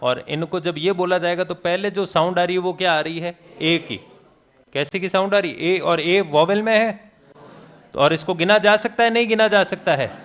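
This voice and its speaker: A male teacher lectures a class. He keeps throwing quick questions at the students and answers them himself, with jokes along the way. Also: high-pitched, fairly bright tone. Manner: jokey, laughs at his own remarks.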